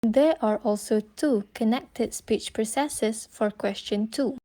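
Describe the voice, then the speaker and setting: A woman's voice: on the high side, takes it slowly, warm tone, faint music behind. A young woman with a Malaysian English accent, whose first language is Malay, giving a scripted student presentation and carefully reading out prepared explanations. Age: young adult.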